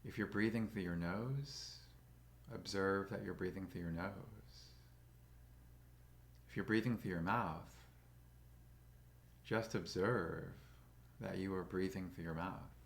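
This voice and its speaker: Deep gravelly man guiding meditation. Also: slight background noise. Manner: slow, gentle and soothing. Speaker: meditation guide. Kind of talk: guided meditation.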